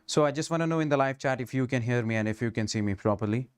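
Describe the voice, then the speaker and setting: A man's voice: mid-range voice, racing, clear, resonant tone. A man from Kashmir with a Kashmiri Indian accent, teaching a live online class and often checking in with his students with short tag questions. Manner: repeatedly checks in with okay and understand. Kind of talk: live lecture, addressing students.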